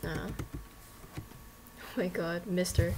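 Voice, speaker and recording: A woman's voice: on the low side, flat delivery, drawn-out words, a crowd in the background, low-quality recording. Hesitant, stammering young woman. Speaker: guest on call. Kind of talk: casual chat. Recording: faint background noise.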